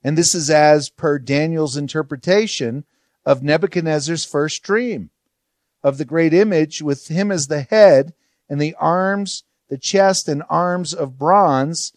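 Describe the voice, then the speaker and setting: A male Bible study teacher works through the text slowly and deliberately, in a fairly high voice. He explains in a conversational way and poses rhetorical questions. The sound is close and dry, with no room echo.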